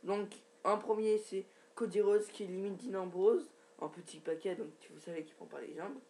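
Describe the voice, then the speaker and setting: A man's voice: high voice, normal speed, creaky, darkish tone. A man giving a casual, rambling recap from his home computer, with many restarts and fillers. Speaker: wrestling recap vlogger.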